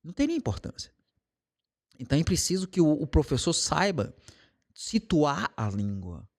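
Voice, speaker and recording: With a voice on the high side, big pitch swings, and a moderate pace, a Brazilian English teacher explains his method in a casual monologue to camera. He draws on everyday examples and acted quotes, speeding up and slowing down as he goes.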